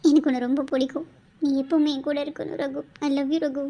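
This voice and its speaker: A woman's voice: high voice, level tone, brisk, natural voice. A woman voicing a devoted young sweetheart. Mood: pleading. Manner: soft, pleading, heartfelt. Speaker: voice actor. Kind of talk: cartoon voice acting.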